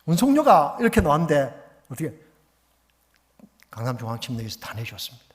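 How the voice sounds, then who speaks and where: A middle-aged man, a missionary preacher, telling a lively story in a sermon and acting out the phone calls. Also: on the high side, fast. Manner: animated, acts out phone calls and exclamations. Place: church sanctuary. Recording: long reverb of a church hall.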